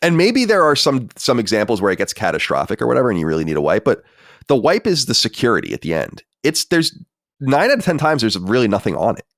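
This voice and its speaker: A medium-pitched man's voice with huge pitch swings comes through fast in clean studio sound without room noise. The speaker, in his forties, co-hosts a podcast in casual chat, reading listener letters aloud and answering with blunt, profane replies and sighs.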